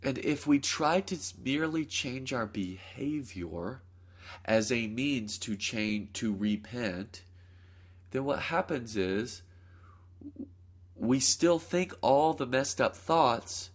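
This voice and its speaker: A man's voice: medium pitch, slow pace. A man hosting a solo podcast, a bit under the weather with a nasal, congested voice, teaching in a casual, rambling way with frequent self-corrections. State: congested from a cold. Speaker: podcast host. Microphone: close podcast mic.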